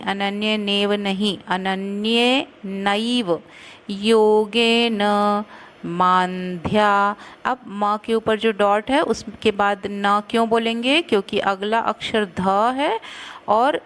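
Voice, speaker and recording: A woman teaching scripture recitation. She chants each verse slowly and carefully, then breaks it down syllable by syllable and explains it quickly. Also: mid-range voice, a bit bright. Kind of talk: slow recitation with pronunciation teaching.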